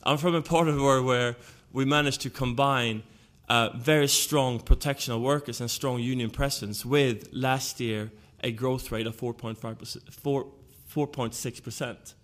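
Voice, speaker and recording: A man's voice: mid-range voice, fairly even intonation, normal speed, hardly any pauses, fairly bright tone. Swedish-accented man arguing a policy point. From Sweden. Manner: argumentative, lays out points in order. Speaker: panelist. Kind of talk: conference panel talk.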